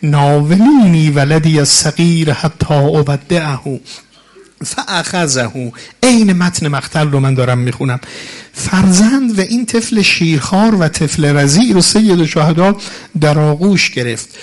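A man delivers a mourning sermon in a slightly high voice and weaves chanted Arabic passages into his narration. His delivery swings between hushed, near-whispered storytelling and loud, impassioned lament. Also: animated. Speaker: preacher.

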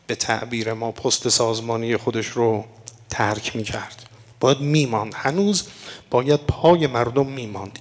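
Male preacher at mid pitch, teaching line by line, voice trailing into a long hall reverb. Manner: expository, asks and answers rhetorical questions; recites Arabic verses slowly and deliberately. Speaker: religious lecturer. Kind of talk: evening sermon explaining Quran verses.

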